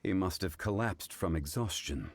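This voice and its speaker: An actor playing a calm, ancient and dignified man who speaks in a composed, formal way. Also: low voice, normal speed, noisy background. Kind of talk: game voice acting. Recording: game soundtrack behind.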